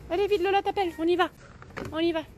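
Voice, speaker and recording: A woman's voice: very high-pitched, fairly even intonation, quick pace, darkish tone. A woman talking in a sing-song, cooing voice to a pet at home for a casual vlog. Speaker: vlogger. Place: home, indoors. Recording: noisy home video.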